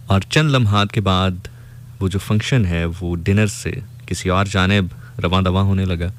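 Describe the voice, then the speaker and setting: A radio host with a Pakistani accent and a lowish voice tells a story in a conversational, reflective way, dropping in English phrases.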